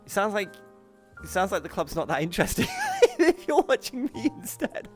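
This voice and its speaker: A man hosting a live stream, chatting casually and excitably with viewers and pronouncing his r's as w's. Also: sits high, normal speed, soft background music. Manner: says w for r. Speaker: host of a live streamed show.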